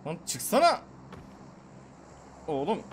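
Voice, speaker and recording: A man giving live, excitable gameplay commentary as a gaming YouTuber, swearing and talking to his viewers. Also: on the high side, slow pace, slight background noise.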